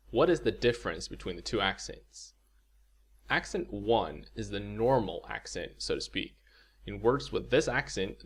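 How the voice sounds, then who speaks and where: A male language teacher gives a scripted video lecture in a low, slightly husky yet fairly bright voice. He explains things step by step in a clear, measured way, pausing on example words for the listener to repeat.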